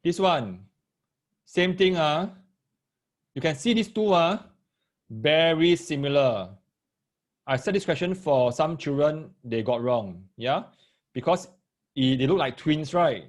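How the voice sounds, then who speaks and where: A man's voice: fairly high pitch, expressive, takes it slowly, pauses often. A man with a Singaporean accent and Singlish particles, teaching maths in a live online lesson, explaining step by step, repeating phrases and checking that listeners follow. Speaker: maths tutor teaching parents and children.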